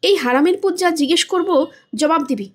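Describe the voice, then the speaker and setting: A woman's voice: very high-pitched, moderate pace, pitched above the performer's own voice. A woman voicing a brutal bodybuilder thug in a storybook reading, coarse and threatening. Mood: menacing. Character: menacing bodybuilder thug, adult man, brutal.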